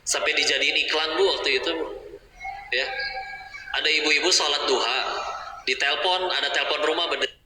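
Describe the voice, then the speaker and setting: Bright-voiced man preaching in an echoey mosque. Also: fairly high pitch, brisk, long pauses, faint music behind. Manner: lively, acts out quoted voices, uses Sundanese words. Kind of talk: humorous sermon. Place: mosque hall. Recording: echoey mosque hall, faint noise.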